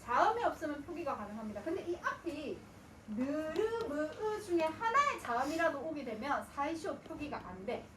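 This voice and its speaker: Here a woman lectures on grammar in a high, very animated voice at a moderate pace, answering her own questions and sometimes putting on a student's voice. Background noise is present, and the distant mic picks up the room's echo.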